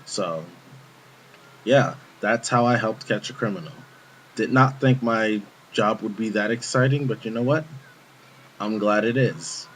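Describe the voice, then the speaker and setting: A man's voice: lowish voice, a little slow, a bit bright, slight background noise, rough recording. A young man casually telling a rambling story from his job, quoting himself and his coworkers as he goes. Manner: rambling, chatty, quotes himself and others. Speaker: vlogger telling a work story.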